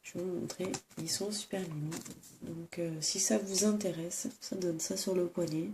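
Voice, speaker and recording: A woman's voice: on the low side, fairly even intonation, normal speed, warm tone, slight background noise. A sick, sniffling woman in a room at home, casually showing craft supplies with many hesitant fillers and self-corrections. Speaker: crafts vlogger. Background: crinkling plastic bags.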